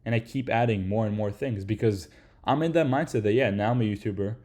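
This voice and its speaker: Laid-back man with a mellow, low voice. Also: a little fast. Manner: laid-back, slangy, swears casually, peppers speech with "like" and "right?". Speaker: YouTube creator giving advice. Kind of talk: casual motivational lecture.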